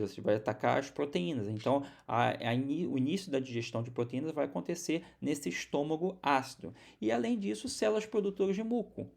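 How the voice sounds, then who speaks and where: A man's voice: mid-range voice, vocal fry, a little mellow. A man from Brazil giving a recorded university biology lecture, explaining step by step with many restarts and repeated words.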